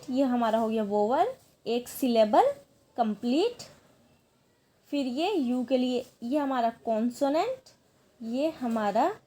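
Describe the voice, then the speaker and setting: A woman's voice: sits high, dark tone. A woman teaching a language lesson, explaining step by step in a patient way and often checking in with the listener. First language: Marathi. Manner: patient, repeats "ठीक है" to check along.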